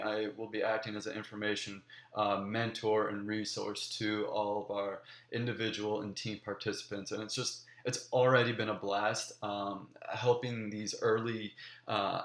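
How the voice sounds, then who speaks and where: A young man in graduate school giving an earnest video application pitch, often pausing with ums and restarting his sentences. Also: a bit bright, echoey room.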